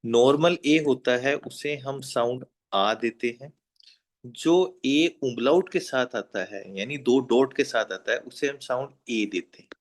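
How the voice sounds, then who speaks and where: A man's voice: mid-range voice, slow pace. A man teaching a German lesson at a whiteboard, patiently repeating each sound and checking that students have written it down. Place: classroom with whiteboard.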